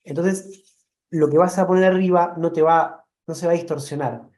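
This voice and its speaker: A man's voice: a little high, fairly even intonation, moderate pace, darkish tone. A man with a Rioplatense Spanish accent joining a live online painting class, speaking hesitantly and searching for words.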